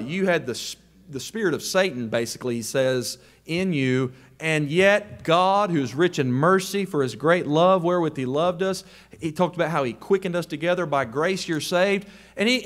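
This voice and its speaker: Male preacher, high tenor register, emphatic sermon delivery. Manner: emphatic, rising to raised questions.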